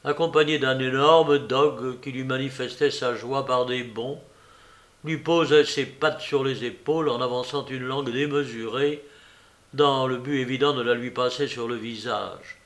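A man reading a novel aloud as narrator, in a steady, measured storytelling manner. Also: mid-range voice.

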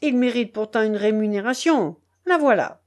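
A woman's voice: on the high side, lively intonation, normal speed, close to an everyday voice. A woman voicing a wounded male thief who speaks with cold contempt and harsh commands, in a storybook reading. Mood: scornful.

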